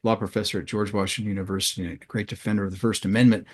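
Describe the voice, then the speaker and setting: A man's voice: fairly low pitch, flat delivery, very fast, slightly rough. An older man hosting a podcast interview, asking long, rambling questions full of restarts. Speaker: interviewer, show host.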